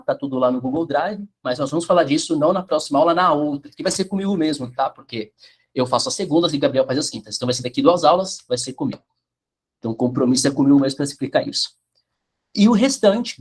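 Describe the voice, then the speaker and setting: A man's voice: on the high side, breathy edge. Man teaching Italian online. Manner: explains with a sing-song lilt. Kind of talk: online class.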